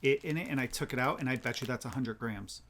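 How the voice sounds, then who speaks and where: A man's voice: medium pitch, fast talker, a bit bright, slight background noise. A man co-hosting a casual knitting podcast, bantering and playfully indignant with his co-host. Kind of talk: casual chat about yarn.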